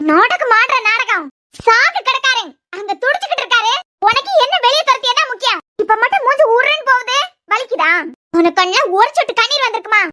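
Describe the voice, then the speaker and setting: A woman voicing feuding young cartoon women, shrill and quick. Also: pushed and bright, exaggerated voice. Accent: Kanyakumari Tamil. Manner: heated, reproachful arguing. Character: quarrelsome young women in a family feud. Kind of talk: cartoon dialogue acting.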